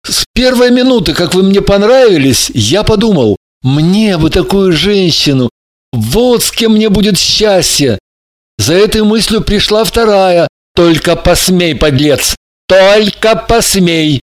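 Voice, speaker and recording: Отчаявшийся молодой мужчина, над которым висит проклятие, его читает мужчина-чтец. Говорит умоляюще и надрывно, голос высокий, интонации резко скачут. Звучит неторопливо, как в аудиокниге. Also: male voice, high voice, expressive, measured pace. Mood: anguished. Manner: pleading, despairing. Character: anguished young man cursed in love. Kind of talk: audiobook character reading.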